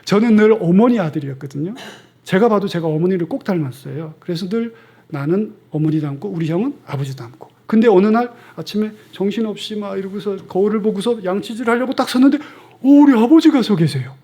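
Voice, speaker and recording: A middle-aged man preaching in a church sanctuary, his voice sitting rather high for a man. He speaks conversationally, tossing questions to the congregation. At tender moments he sinks to a hushed near-whisper. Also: a little fast. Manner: drops to soft near-whispers for tender lines. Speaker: pastor. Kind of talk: sermon.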